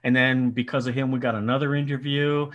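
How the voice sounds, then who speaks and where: Brisk and medium-pitched with little pitch movement, the lo-fi voice belongs to a Colorado business owner in his sixties with a nasal quality. Appearing as a podcast guest over a headset video call from a room in his home, he laughs often through self-mocking stories.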